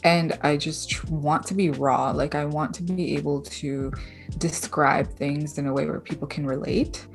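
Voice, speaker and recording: A young woman from Bangladesh, an artist and writer, speaking thoughtfully and softly in a casual interview with fillers and small laughs. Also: sits low, fairly even intonation, moderate pace, vocal fry, faint music behind. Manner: thoughtful, soft-spoken, with frequent fillers and light laughs.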